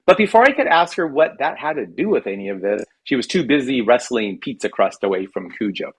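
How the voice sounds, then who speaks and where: Poor audio captures an American man from California performing his comic essay in a wry, mock-dramatic manner. His medium-pitched voice swings widely in pitch, moves briskly, and carries a breathy edge.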